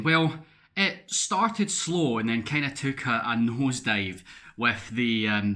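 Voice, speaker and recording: A man's voice: medium pitch, sharp tone. A Scottish man in a casual video diary, chatty, with frequent fillers and repeated words. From Scotland. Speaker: vlogger.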